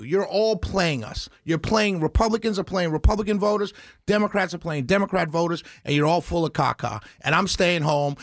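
A radio talk show host ranting with fiery indignation, swinging between loud outbursts and low mutters. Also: male voice, no room sound, clean studio sound. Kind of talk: impassioned talk radio rant. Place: radio studio.

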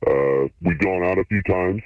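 Man, voice changer pitching him very deep, narrow phone-like sound, dry, laid-back and hesitant. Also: moderate pace, dry recording. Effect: voice changer shifting the voice deep. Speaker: anonymous guest on a radio call-in segment. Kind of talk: casual chat. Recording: phone-like line through a voice changer.

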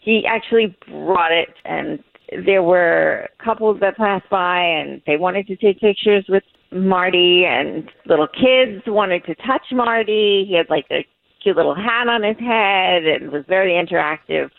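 A woman's voice: on the low side, a little slow, creaky, dry recording. Woman on a tinny phone line. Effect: heard over a phone line. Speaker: woman called on the phone by radio hosts. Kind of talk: phone conversation on a radio show.

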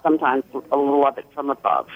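A woman calling in to a radio show on a speakerphone, talking in a halting, hesitant way. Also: a bass voice, lively intonation. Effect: speakerphone over a phone line. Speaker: radio caller. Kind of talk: call-in radio question. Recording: tinny phone line.

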